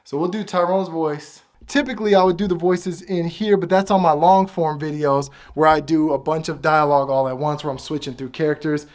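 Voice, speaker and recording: A man's voice: fairly high pitch, steady tone, a little fast, hardly any pauses, a little mellow. A man casually explaining how he films and edits his videos, thinking aloud as he goes, recorded on a phone. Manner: casual, offhand talk, thinking aloud while filming. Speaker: YouTuber making animated shorts. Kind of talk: casual behind-the-scenes explanation.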